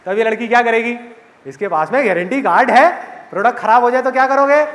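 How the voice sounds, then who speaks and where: A man giving a live motivational speech to an audience in a large hall, animated and asking rhetorical questions. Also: very high-pitched, fast talker, slight background noise. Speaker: motivational speaker. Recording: echoey hall with faint crowd.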